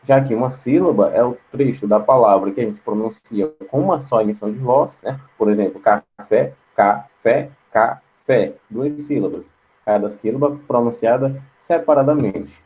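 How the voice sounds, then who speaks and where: A man's voice: mid-range voice, normal speed. Man teaching a class, dull audio. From Brazil. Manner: explanatory, repeats words to show pronunciation; frequent checking tags. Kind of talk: online class lecture.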